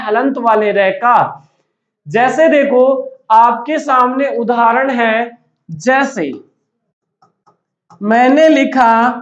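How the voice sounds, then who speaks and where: A man teaching a grammar lesson to a class, asking questions and answering them himself and repeating the key words. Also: very high-pitched. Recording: dull, echoey room recording.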